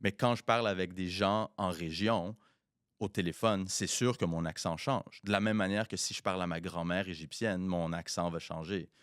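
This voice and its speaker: A man's voice: low voice, fairly even intonation, moderate pace, fairly bright tone, smooth, dry recording, clean studio sound. A man co-hosting a podcast in casual chat, switching between French and English mid-sentence and giving firm, emphatic opinions. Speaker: podcast co-host.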